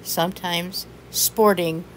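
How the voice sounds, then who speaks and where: A woman reading a scripted voice-over in a measured, instructive way. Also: on the low side, fairly even intonation, a little hiss or hum, low-quality recording. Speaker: narrator.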